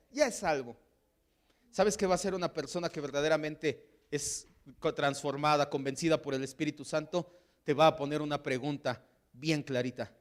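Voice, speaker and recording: A man with a Mexican Spanish accent preaching a sermon as pastor, with impassioned delivery that acts out the voices he quotes. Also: on the high side.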